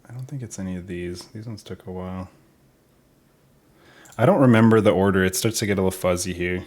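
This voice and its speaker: A man's voice: low-pitched, brisk, a little mellow. A young man giving casual developer commentary over his game, thinking aloud and unsure of the order.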